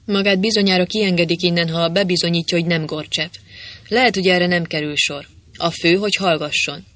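A man voicing a calm, cheeky Russian captive who stays unbothered and teasing even at gunpoint. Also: high voice, no echo. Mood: cool.

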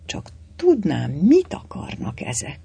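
A man's voice: high-pitched, huge pitch swings, vocal fry, warm tone, slightly rough, voice pushed up, full character voice. A man reading an audiobook voices a nervous middle-aged cobbler who speaks timidly, sometimes in a frightened whisper. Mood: fearful whisper. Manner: timid, faltering, partly whispered. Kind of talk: audiobook character voice.

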